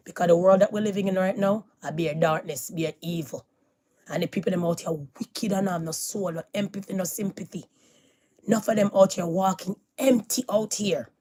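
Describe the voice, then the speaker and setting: A middle-aged woman, talking to her viewers in a casual, preachy monologue. She repeats her phrases for emphasis and moves from loud declarations to hushed warnings. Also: fairly low pitch. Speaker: vlogger.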